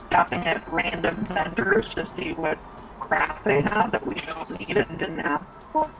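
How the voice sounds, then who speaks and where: A woman player in a casual tabletop game, talking bluntly and pushing to stay on topic. Her voice comes through robotic and glitchy, like low sample rate audio. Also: measured pace, creaky, a loud crowd, rough recording. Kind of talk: casual tabletop game chat over a call. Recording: garbled online call with loud noise.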